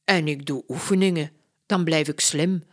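A woman voicing a polite older male detective who speaks in a slow, measured, courteous way. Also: sits low.

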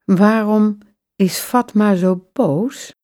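A woman's voice: mid-range voice, dark tone, dry recording, clean studio sound, pitched above the performer's own voice. A woman doing a boastful old storybook man. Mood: exclaiming. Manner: slow, emphatic storybook voicing.

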